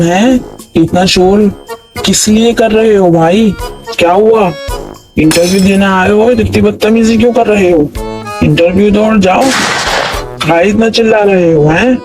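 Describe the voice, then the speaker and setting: A smug cartoon boss, voiced by a man who coaxes and mocks in a high, slow drawl. Music plays behind him. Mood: puzzled. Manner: coaxing, mocking. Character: smug male boss who calms the quarrel. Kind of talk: cartoon dialogue.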